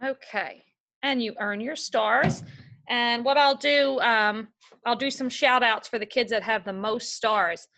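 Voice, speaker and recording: Pushed and bright, her fairly high voice moves at a measured pace. She's an elementary school teacher running a remote class for young children, reading them a picture book aloud and guiding them patiently through each step.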